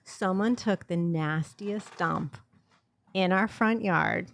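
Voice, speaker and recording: A woman hosts a casual podcast chat, blunt and joking, swearing freely and laughing a lot into a studio mic held off to the side. Her voice is on the low side, slow, gravelly and a bit bright.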